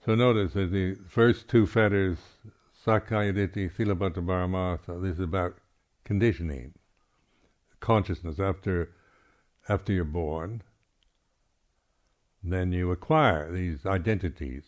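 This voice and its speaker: This Buddhist monk teacher has a low voice. He gives a reflective talk at a meditation retreat without any script, speaking in a halting way and frequently clearing his throat.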